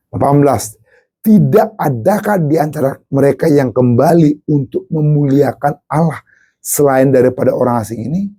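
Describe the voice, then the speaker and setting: A pastor preaches a dramatic sermon, firing off repeated rhetorical questions and swinging between low Bible reading and high exclamations. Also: dark tone, husky.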